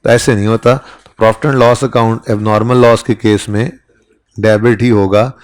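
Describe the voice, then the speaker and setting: A man teaches an accounting class in a relaxed, conversational way. His voice sits a little on the low side. He keeps pausing to ask the students whether they are following. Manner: conversational, keeps checking in with "ठीक है?". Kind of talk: classroom lecture.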